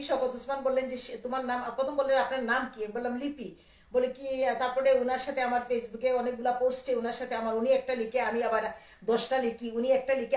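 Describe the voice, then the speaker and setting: A woman from Sylhet, a poet and writer, reminiscing in a rambling, animated way and quoting others in dialogue during a live video. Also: a little high. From Sylhet, Bangladesh. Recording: echoey room, voice a little far from the mic.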